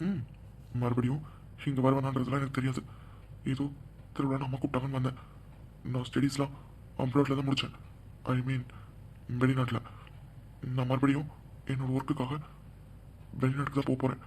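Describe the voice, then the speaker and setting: A man voicing a young man in a cartoon, gently teasing and persistent. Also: mid-range voice, completely flat delivery, a little fast, pauses often, a little hiss or hum, close to an everyday voice. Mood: earnest. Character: young man leaving for abroad, tender and teasing. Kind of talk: cartoon voice acting.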